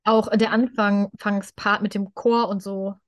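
A young woman with a medium-pitched voice co-hosts a podcast. She talks in a casual, fan-to-fan way and drops the odd English word into her German. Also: flat delivery, measured pace, dry recording, clean studio sound. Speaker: podcast co-host.

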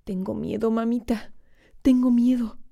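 A woman voicing a small, timid and tender boy who speaks softly and pleadingly in a storybook reading. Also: fairly high pitch, little pitch movement, a little slow, gravelly.

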